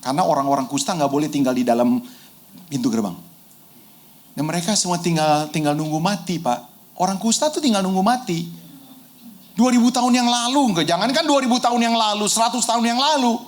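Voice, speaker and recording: A middle-aged male pastor, preaching a sermon as an animated storyteller who drops into colloquial slang and shouts at the peaks. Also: high-pitched, brisk.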